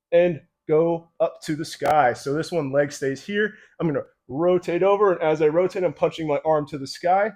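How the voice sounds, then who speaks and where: A man leads a mobility warm-up while doing each move himself, so his breath runs a little short. His voice sits fairly high for a man, and he talks viewers through it in a calm, encouraging way. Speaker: mobility coach. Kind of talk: guided exercise instruction.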